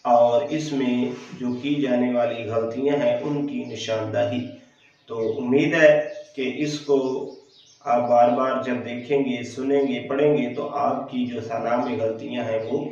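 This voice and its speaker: Slow, careful male recitation teacher. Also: medium pitch, a little mellow, far from the mic. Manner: slow and careful, drawing out syllables to demonstrate. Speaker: religious teacher. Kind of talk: recitation lesson. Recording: echoey, dull room sound from off the mic.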